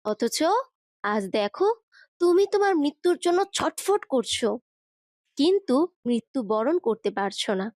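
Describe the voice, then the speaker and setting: A man's voice: extremely high pitch, very animated, measured pace, pauses often, a little mellow, dry recording, studio quality, voice pushed up, heavily acted. A man voicing a bitter, vengeful female ghost who taunts and cackles in an audio story. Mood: taunting. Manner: taunting, mocking laughter.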